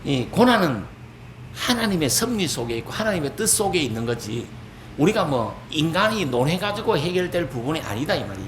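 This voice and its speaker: A male pastor preaching a sermon in an animated way, acting out quoted speech. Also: fairly high pitch, a little fast. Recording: echoey church hall, faint noise.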